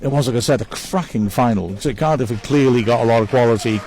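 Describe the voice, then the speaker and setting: Reading viewer messages and going through the players one by one with praise, this male club commentator sounds conversational and cheerful. He talks fast at a medium pitch, with a slightly mellow tone.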